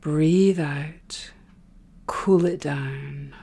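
A woman guiding a relaxation and breathing exercise in a soft, soothing, unhurried way, with phrases that trail into breathiness. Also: low voice, husky. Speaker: guided breathing meditation instructor. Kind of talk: guided relaxation meditation.

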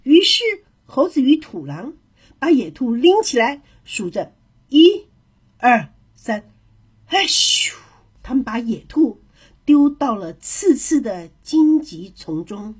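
A woman narrating a children's story aloud in a gentle, expressive manner. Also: on the high side, slow pace, husky.

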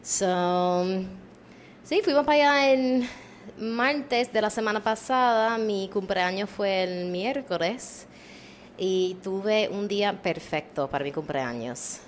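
A woman's voice: mid-range voice, slow, slight background noise. A woman from Maryland hosting a podcast, chatting casually in a bilingual mix with English words dropped into her Spanish. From Maryland, USA. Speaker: podcast host.

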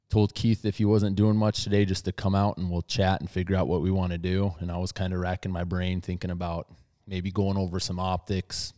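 A man in his thirties hosts a podcast, chatting casually in a laid-back, rambling manner. His voice is low and mellow.

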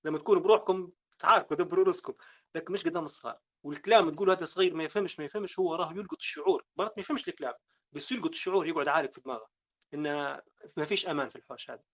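A man's voice: on the high side, very fast. A man with a Libyan Arabic accent hosting a panel discussion, earnestly advising parents. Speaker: host.

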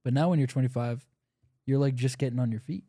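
A man's voice: medium pitch, fairly even intonation, fast, warm tone, no room sound, studio quality. A man in his twenties co-hosting a podcast from a home basement, chatting casually and laughing often. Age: 20s. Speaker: podcast co-host. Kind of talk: casual chat.

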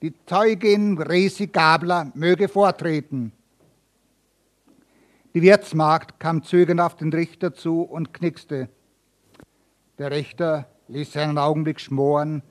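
A man's voice: on the high side, steady tone, unhurried. A man narrating his story at a live reading.

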